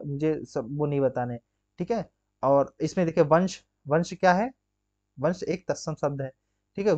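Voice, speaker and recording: A man's voice: fairly high pitch, darkish tone, highs cut off. A man teaching an exam-prep grammar lesson, drilling students with rhetorical questions and constant check-ins. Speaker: Hindi teacher.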